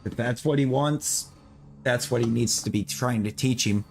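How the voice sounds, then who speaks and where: An opinionated man chatting casually while he plays a game on stream. He talks to his viewers in a loose, rambling way, restarting his sentences as he goes. His voice sits at an ordinary pitch for a man. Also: moderate pace, gravelly, soft background music. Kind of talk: casual chat while gaming.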